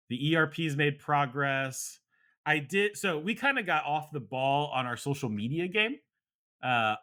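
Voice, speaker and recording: Bright-voiced laid-back male podcast co-host. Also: mid-range voice. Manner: laid-back, laughs often, trailing fillers. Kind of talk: casual chat.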